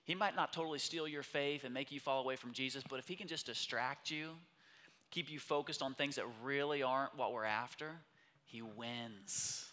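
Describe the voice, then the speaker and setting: A man's voice: mid-range voice, normal speed, sharp tone. A man preaching a sermon in a church auditorium, talking in a conversational way that swells into passionate emphasis. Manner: passionate, conversational, builds in intensity. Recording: long hall reverb.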